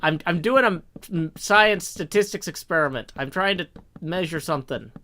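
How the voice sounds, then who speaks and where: A man's voice: a little high, animated, normal speed, slight background noise. Man calling a teammate over group voice chat. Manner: chatty, tinkering out loud. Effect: talking to a teammate over group voice chat. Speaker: streamer. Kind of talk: live gaming stream, thinking aloud.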